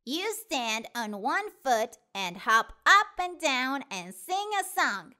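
A woman's voice: sits high, big pitch swings, slow pace, sharp tone, full character voice. A woman voicing a confident male platypus who gives instructions in a children's storybook.

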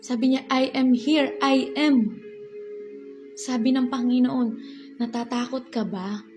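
A woman's voice: sits high, fairly even intonation, takes it slowly, rough recording. A woman preaching a sermon as a church worker, earnest and reassuring, repeating comforting lines and mixing in English phrases. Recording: music playing underneath. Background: soft music.

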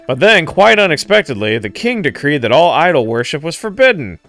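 A man's voice: fairly high pitch, big pitch swings, fairly quick, fairly bright tone. A man doing an earnest villager telling old tales. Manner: raised, earnest storytelling tone. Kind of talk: comic let's-play voice acting.

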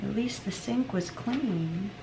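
A woman's voice: mid-range voice, takes it slowly, vocal fry, background noise. A woman in her thirties filming a casual meal prep vlog in her home kitchen, chatty and often stopping herself mid-sentence to start over. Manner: chatty, self-interrupting, laughs at her own slips. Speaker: cooking vlogger. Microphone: camera mic at arm's length and on the counter.

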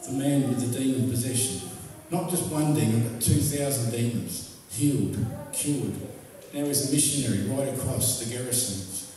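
A man's voice: mid-range voice, normal speed, crowd noise. Preacher man in an echoey church hall. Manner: storytelling, retells scenes vividly. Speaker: pastor. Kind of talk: sermon. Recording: echoey hall, distant mic.

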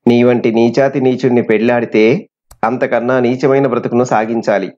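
A man's voice: mid-range voice, fairly even intonation, moderate pace, darkish tone, lightly acted. A man voicing a defiant young captive princess who speaks with scorn, on a dull lo-fi recording.

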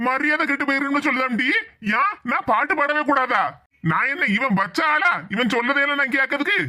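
A performer voicing a stubborn, teasing middle-aged father in an animated comedy, with a Tirunelveli Tamil accent and a mocking, argumentative manner. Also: sits high, dry recording, clean studio sound. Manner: mocking, sings in a drawn-out way, argumentative. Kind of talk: animated comedy sketch voice acting.

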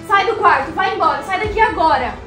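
A woman's voice: extremely high pitch, quick pace, a bit bright. A young woman with a Brazilian Portuguese accent playing an emotional young mother in a web drama. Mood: angry. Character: vain young mother who turns tender. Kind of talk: amateur web drama acting. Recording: echoey room with music behind.

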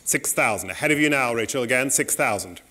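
A middle-aged man working as an auctioneer, calling bids in a saleroom in a brisk, polite, repetitive way. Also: mid-range voice, animated, pushed and bright.

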